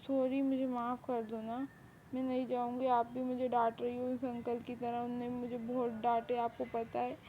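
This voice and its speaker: A woman's voice: on the high side, completely flat delivery, normal speed, close to an everyday voice. A woman voicing a timid young girl who pleads and apologizes in a fan audio drama. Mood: sulky. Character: innocent young girl, kidnapped, timid and sulky. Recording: tinny phone-like recording, faint hiss.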